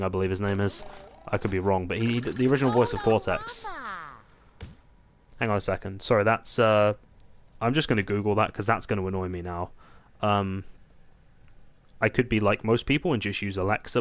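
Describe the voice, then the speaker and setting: A man chatting casually as he commentates his gameplay, rambling with many pauses and restarts. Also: fairly low pitch. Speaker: gaming channel host. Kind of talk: let's-play gameplay commentary.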